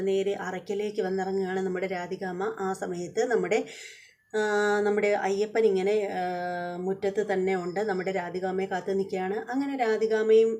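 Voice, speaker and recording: A woman's voice: medium pitch, dark tone, a little hiss or hum. A woman narrating a casual recap of a television serial episode. She retells it with frequent filler sounds and restarts.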